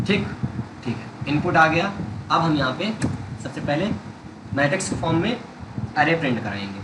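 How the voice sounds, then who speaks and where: A man's voice: fairly high pitch, sing-song, normal speed, echoey room, noisy background. A man teaching programming step by step, checking that his students follow along. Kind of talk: coding tutorial.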